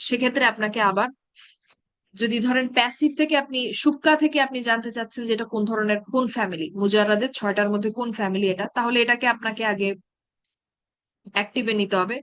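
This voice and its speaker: A woman with a fairly high voice leads an online grammar lesson. She talks patiently, keeps checking that her students follow, and recites verb forms one by one. The recording sounds close and dry. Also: steady tone, a bit bright, dry recording. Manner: patient, checks understanding often, recites verb patterns slowly. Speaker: Arabic grammar teacher. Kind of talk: live online class teaching.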